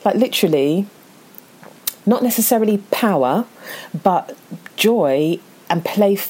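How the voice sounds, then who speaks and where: A woman's voice: mid-range voice, lively intonation, measured pace, mellow, slightly rough. A woman hosting a podcast interview, enthusiastic and encouraging toward her guest. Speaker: podcast host.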